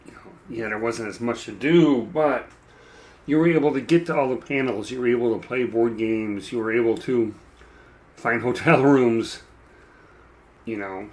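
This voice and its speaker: A man chatting casually while he paints a miniature, rambling and self-deprecating, with a dry, froggy throat that he keeps clearing. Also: mid-range voice, normal speed, long pauses. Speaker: mini painting streamer.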